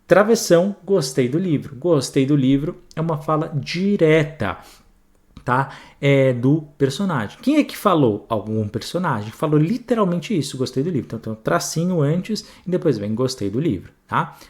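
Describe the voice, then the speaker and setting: In an exam-prep grammar lesson, a man with a Brazilian Portuguese accent talks at a moderate pace in a somewhat high voice. His style is animated and chatty, with frequent check-ins with his students.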